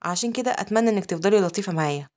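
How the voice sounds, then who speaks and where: A woman's voice: medium pitch, animated, racing, darkish tone, natural voice. A woman with an Egyptian accent voicing a teasing, possessive young nobleman in a recap story. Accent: Egyptian Arabic.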